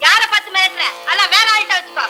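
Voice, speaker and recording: A bright, high, sharp-tongued village mother; 1940s screen scolding. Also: soft background music, exaggerated voice. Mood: defiant. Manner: loud, scolding, quick retorts. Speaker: shop-keeping mother. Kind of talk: 1940s film acting.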